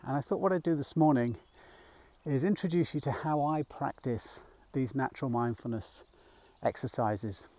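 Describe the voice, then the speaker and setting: A middle-aged man talking gently while walking outdoors, a little out of breath, rambling with fillers as he guides a mindfulness practice. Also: medium pitch, moderate pace. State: slightly out of breath. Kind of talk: casual walking vlog. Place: outdoors in a field by a small woodland.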